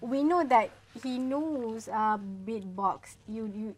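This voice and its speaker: A woman's voice: on the high side, animated, slow. A young woman, co-hosting a campus chat show, with many fillers and restarts. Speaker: co-host.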